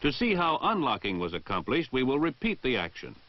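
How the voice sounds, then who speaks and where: Here an American man narrates formal, precise instructions in the manner of a 1960 military training film, with measured enunciation. His mid-range voice swoops wildly in pitch, there's no echo, and the audio has a dull 1960 soundtrack quality.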